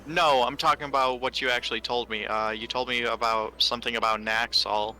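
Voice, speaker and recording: A man's voice: medium pitch, fairly even intonation, a little fast, sharp tone, a little hiss or hum. A man playing a tabletop game, thinking aloud hesitantly about what his character does. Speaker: player.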